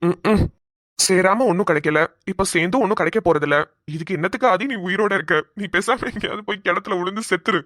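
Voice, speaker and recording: A woman's voice: fairly high pitch, quick pace, no echo, studio quality, lightly acted. Woman voicing a sulky sarcastic young husband. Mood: exasperated. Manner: teasing, grumbling to himself. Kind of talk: amateur cartoon voice acting.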